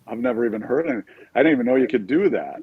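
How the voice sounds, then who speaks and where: A man talking casually and with easygoing bemusement as a remote guest over a video call, his audio glitchy and slowed down by the connection. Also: medium pitch, very animated, slightly rough, no echo, phone-quality sound. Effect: glitchy slowed-down online call audio. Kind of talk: casual chat.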